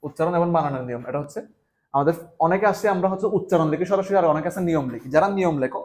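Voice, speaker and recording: A man from Bangladesh runs an exam-prep lesson at a quick clip. He speaks straight to his students and hammers home key points through repetition. His voice sits a little higher than most men's. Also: darkish tone. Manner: repetitive, emphatic, addresses students directly. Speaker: exam tutor.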